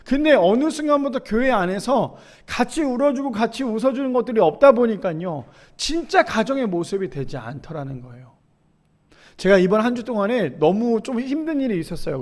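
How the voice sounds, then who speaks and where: A male pastor preaching a sermon at a church service, reading scripture verses aloud and often asking the congregation questions. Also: high-pitched. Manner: reads scripture verses aloud between remarks.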